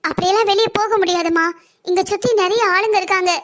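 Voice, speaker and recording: A woman voicing a weary woman who has been trapped for years, warning softly and with resignation in a cartoon story. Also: extremely high pitch, steady tone, fast talker. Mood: resigned. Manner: gentle, hushed, resigned warnings.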